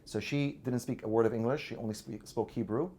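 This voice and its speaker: Here a medium-pitched, dark-toned male voice moves fairly quickly with fairly even intonation. He's a native Arabic speaker from Syria, sharing personal stories earnestly on a podcast and often starting over or repeating himself.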